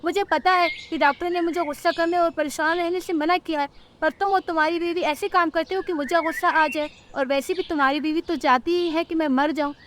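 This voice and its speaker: A cranky old mother-in-law bird from a cartoon storybook, put on by a woman, very high and piping. She nags, scolds and grumbles with a sharp tongue. A faint hiss sits under her voice. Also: fairly even intonation, brisk. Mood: scolding.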